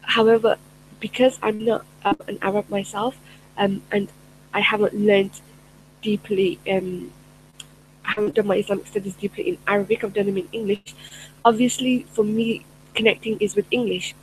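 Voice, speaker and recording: Here a middle-aged woman who coaches personal development, with Urdu as her first language, chats earnestly to the camera, often restarting and filling pauses. Her voice is medium-pitched and level at a normal pace, on a low-quality recording with slight background noise.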